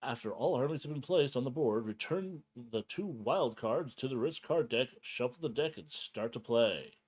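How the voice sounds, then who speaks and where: A man's voice: mid-range voice, expressive, normal speed. A man co-hosting a podcast, reading out board game rules and telling a long rambling story with many fillers and restarts. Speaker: podcast co-host.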